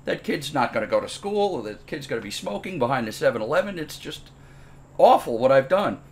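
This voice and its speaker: A man with a medium-pitched voice, talking a little fast, shares a comic story before teaching his programming class from the dining room table at home. He's animated and casual, exaggerating for laughs and poking fun at himself.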